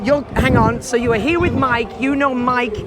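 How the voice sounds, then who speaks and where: A man's voice: very high-pitched, steady tone, normal speed. A man talking as an upbeat, chatty cruise director, hosting vlog interviews. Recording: loud music and crowd behind.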